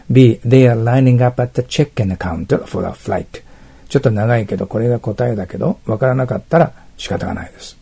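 A man teaching English in a test-prep lesson, explaining each answer step by step, often checking that listeners follow, and reading test sentences slowly. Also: fairly low pitch, vocal fry, warm tone, breathy edge.

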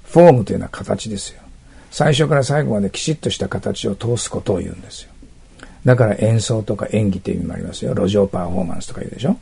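Gravelly, husky-voiced man teaching English. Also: fairly low pitch, dark tone. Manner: explains step by step with frequent checking tags; reads English test sentences slowly. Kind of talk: classroom test-prep lesson.

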